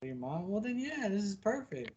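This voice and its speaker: A man's voice: sits high, sing-song, moderate pace, shouting, lo-fi sound. Casual, cursing man. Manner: loose, profane banter. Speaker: podcast co-host. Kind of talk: casual chat.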